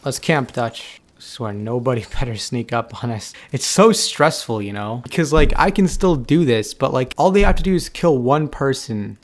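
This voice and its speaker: A man giving casual, excitable commentary over a game he is playing, talking to the characters on screen as he goes. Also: mid-range voice, normal speed, few pauses. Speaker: gaming video creator.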